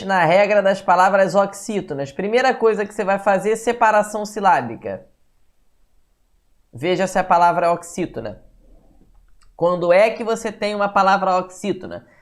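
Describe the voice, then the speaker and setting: A man's voice: high voice, expressive, normal speed. A man with a Brazilian Portuguese accent teaching a live online grammar lesson for exam prep, chatty and often checking in with his viewers. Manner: chatty, keeps checking in with "beleza?" and greets viewers by name.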